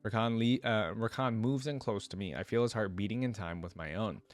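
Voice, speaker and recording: This man has a lowish voice and talks fairly quickly. He's a reaction video creator reading fantasy lore aloud, dropping casual, informal asides between the passages he reads.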